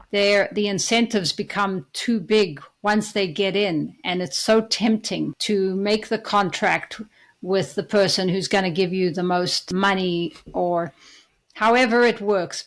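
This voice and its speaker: Podcast host lady from zimbabwe, chatty, easygoing, mid-pitch. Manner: conversational, agreeable. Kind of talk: interview questions and comments.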